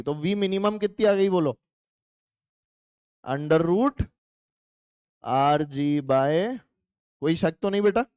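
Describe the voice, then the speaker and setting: A man's voice: high voice, a little mellow, clear, resonant tone, no room sound, studio quality. A male physics teacher giving a playful, chatty classroom lecture and teasing his students.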